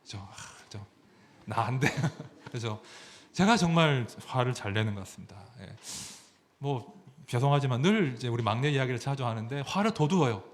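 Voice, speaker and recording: A man's voice: mid-range voice, expressive, normal speed. A man, a pastor, preaching a sermon, asking the congregation questions as he goes.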